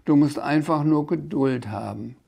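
A man's voice: fairly high pitch, measured pace, creaky, exaggerated voice. A man voicing a patient, mild-mannered grown man in a storybook reading. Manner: calm, patient, reasoning.

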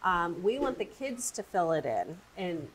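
This children's museum director has a fairly low, very animated voice and takes her time. In a cheerful, casual interview peppered with fillers, she describes the museum's play areas while background noise can be heard.

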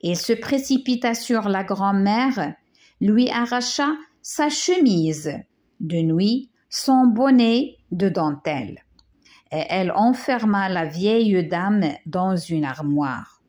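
A woman reads a children's fairy tale aloud at a very slow, deliberate pace. Her voice sits at an ordinary middle pitch, and she now and then stumbles and restarts a word, like a teacher reading to a class. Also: animated, darkish tone. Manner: slow, careful reading with small slips.

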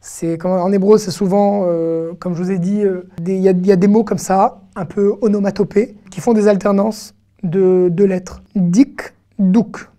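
A middle-aged woman teaching an online language lesson, patiently repeating each word slowly. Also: medium pitch, steady tone, dark tone. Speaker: Hebrew teacher.

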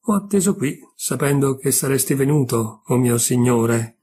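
A man's voice: mid-range voice, expressive, moderate pace, dark tone, slightly rough. A man reading aloud as an eager, loyal parrot in a storybook tale. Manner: eager, shrieking.

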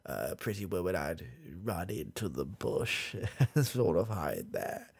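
Low, gravelly, and full of lively pitch swings, a young man's exaggerated voice brings to life a creepy, confused old granddad who rambles, halts, trails off, and chuckles in this comedy ASMR roleplay. Recorded indoors in a small dark room on a close studio mic with the camera by his face, the sound is dry and free of echo.

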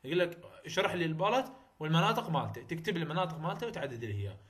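Bright, high-voiced Iraqi man lecturing. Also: sing-song, racing. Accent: Iraqi Arabic. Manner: repetitive, checks understanding, mixes English terms into Arabic. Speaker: university English lecturer. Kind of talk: recorded phonetics lecture.

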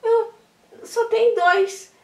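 A woman's voice: very high-pitched, steady tone, takes it slowly, a little mellow. A woman playing a frazzled young mother in a pretend-play skit, pleading and exasperated. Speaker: channel host. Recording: echoey room, far from the mic.

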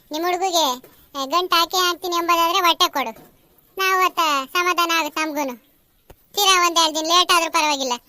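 Performer doing shrill pleading village woman. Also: bright, forceful tone, no echo, exaggerated voice. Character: pleading rural village women devotees. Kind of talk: cartoon voice acting.

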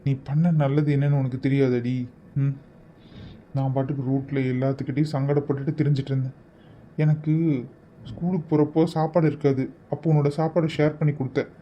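A man's voice: fairly high pitch, little pitch movement, brisk, highs cut off, a little hiss or hum, natural voice. A man voicing an obsessive male kidnapper in a cartoon, who talks in a wheedling, possessive way, scolding and then pleading. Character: obsessive male kidnapper pressing a married woman to wed him. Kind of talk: animated cartoon voice acting.

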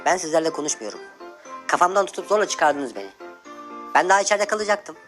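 Young woman for a comic baby rant, sassy and quick, music faint under her. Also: on the low side, big pitch swings. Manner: sassy, complaining, mocking. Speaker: comedian.

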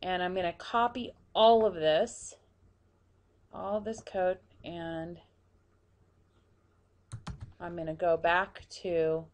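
Soft-spoken woman narrating a software tutorial. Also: lowish voice, fairly even intonation, takes it slowly, long pauses. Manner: narrates each step as she clicks, quietly, sometimes near a whisper. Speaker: tutorial presenter. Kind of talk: screen-recorded software tutorial.

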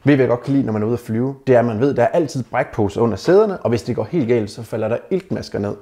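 A man with a gravelly, mellow voice talks straight to his viewers in a casual advice vlog. He picks apart bad dating messages in a blunt, mocking way and keeps calling his audience guys. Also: medium pitch. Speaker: dating advice video maker. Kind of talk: casual advice commentary to camera.

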